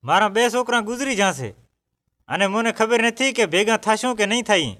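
A man's voice: high-pitched, animated, moderate pace, sharp tone. A man in a scripted religious dialogue, speaking somberly and asking questions about death. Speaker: grieving villager.

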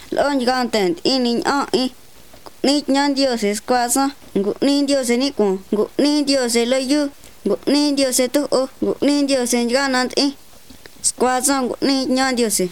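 A woman's voice: high-pitched, smooth. A woman giving a religious talk and prayer in repetitive, chant-like phrases.

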